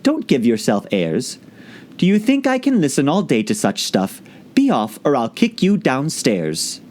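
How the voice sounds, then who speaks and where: A man's voice: medium pitch, huge pitch swings, a little slow, a little mellow, pitched above the performer's own voice. Man doing a cranky, sing-song old father. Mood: irritated. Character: cranky, boastful old father reciting verse. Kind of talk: audiobook poem recitation.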